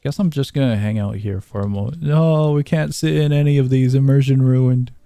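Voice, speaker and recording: A man's voice: mid-range voice, fairly quick, gravelly, warm tone, dry recording, clean studio sound. A man streaming a game, chatting casually, reading game dialogue aloud and chuckling often. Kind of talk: casual gameplay commentary.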